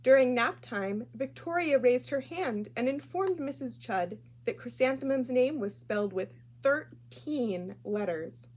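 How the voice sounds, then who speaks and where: A woman's voice: high-pitched, lively intonation, a little slow, few pauses, a little mellow. A woman reading a children's storybook aloud expressively as a library storyteller.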